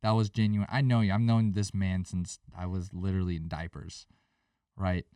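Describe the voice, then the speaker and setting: Earnest, low-voiced man on a podcast. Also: flat delivery, moderate pace, mellow, clean tone, dry recording, far from the mic. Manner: earnest, preachy, addresses the audience. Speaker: podcast co-host. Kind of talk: podcast conversation.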